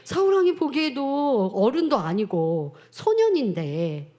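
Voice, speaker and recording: A woman pastor giving a children's sermon, telling a story in an animated way and addressing the children directly. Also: high voice, a little slow.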